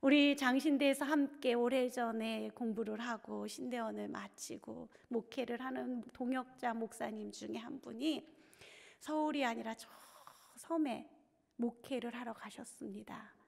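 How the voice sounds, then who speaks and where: Woman pastor, high gravelly voice, preaching with loud-to-whisper swings, echoey church hall. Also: steady tone, unhurried. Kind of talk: sermon. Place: church sanctuary.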